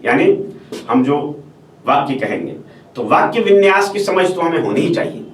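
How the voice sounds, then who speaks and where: A man's voice: fairly high pitch, big pitch swings, moderate pace. A male teacher giving a step-by-step classroom lecture on answer writing, repeating phrases and checking in with the class as he goes. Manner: explains step by step, repeats phrases, often says "ठीक है". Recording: echoey room, voice from far off, faint hiss.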